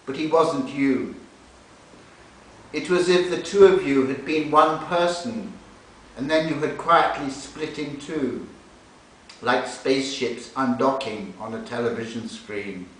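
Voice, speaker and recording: At a live literary reading in an indoor library event room, a man with a medium-pitched voice and measured pace introduces and reads a novel extract; he is a literary translator. A distant recorder placed away from him picks up the sound, leaving it echoey and hissy, as if captured from far off.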